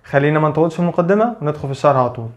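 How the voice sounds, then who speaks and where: A man's voice: on the high side, lively intonation, rapid-fire, a little hiss or hum. A man with an Egyptian Arabic accent giving a physical therapy lecture, asking questions and answering them himself. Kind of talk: lively explanatory lecture.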